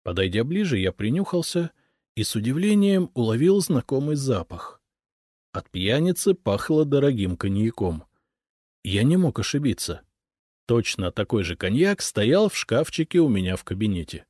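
A man's voice: medium pitch, big pitch swings, normal speed, a little mellow, dry recording, studio quality. A man reading a first-person story as an audiobook narrator.

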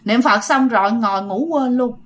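A slightly high female voice at normal speed tells a ghost story in an easygoing, talkative style. She speaks with a Southern Vietnamese accent, addresses her listeners head-on, and plays out the quoted shouts.

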